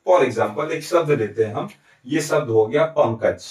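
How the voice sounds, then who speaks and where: A man's voice: mid-range voice, unhurried, a little mellow. A man teaching a Hindi grammar lesson with a Chhattisgarh accent, explaining step by step and answering his own questions. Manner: often adds "ठीक है?" and "है ना?" to check understanding. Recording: echoey room, recorded from a distance.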